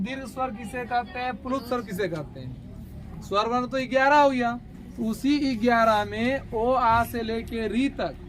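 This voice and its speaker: A woman teaching a grammar lesson, dictating slowly and repeating each phrase, often asking the class to say key terms back to her. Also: a little high. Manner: slow, repetitive, asks the class to echo key words back.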